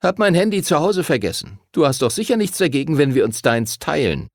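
A burly schoolboy bully taunts and sneers in a raised voice, put on by a man. The pitch swings widely, with a gravel edge, in a dry audiobook recording. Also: very animated, a little fast, darkish tone, dry recording. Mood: mocking. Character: burly red-haired bully boy, mocking. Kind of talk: audiobook character voice.

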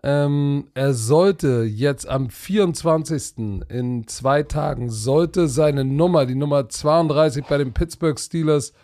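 A man's voice: a little high, slow pace, hardly any pauses, dark tone. A man hosting a podcast in a casual, chatty style. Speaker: podcast host.

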